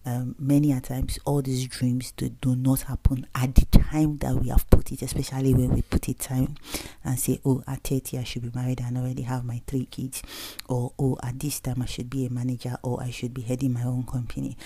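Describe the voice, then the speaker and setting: A woman's voice: a bass voice, level tone, a little fast, warm tone, slight background noise. A woman in her thirties with a Nigerian accent, giving an earnest, conversational faith-based motivational talk as a podcast host, slipping between Pidgin and English.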